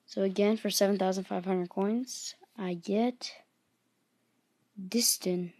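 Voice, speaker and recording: Low, unhurried woman with creaky voice. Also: steady tone, dry recording. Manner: low, hushed late-night voice, unhurried. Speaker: gaming video host. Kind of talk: casual gaming commentary.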